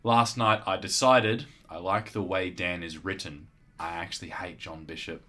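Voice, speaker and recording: Deep-voiced man giving blunt opinions. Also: fairly even intonation, normal speed, sharp tone. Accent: Australian. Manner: blunt, opinionated, repeats words when worked up. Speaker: podcast co-host. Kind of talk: casual review chat.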